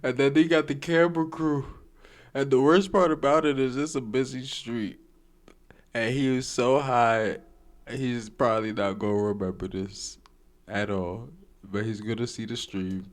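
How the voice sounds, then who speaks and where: A man's voice: medium pitch, fairly even intonation, unhurried. A man streaming casual reaction commentary with a loose, slangy drawl, dropping "bruh" and "like".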